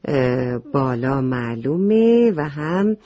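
Woman, children's story reading, gentle, speaks to children, warm voice, dull sound. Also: rumbling low, sing-song, dry recording. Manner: gentle, addresses children directly. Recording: slightly muffled lo-fi recording.

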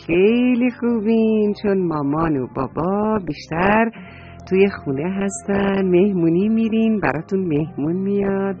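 Woman telling a children's story. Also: mid-range voice. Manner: warm, lilting, addresses children directly. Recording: dull dry recording, soft music.

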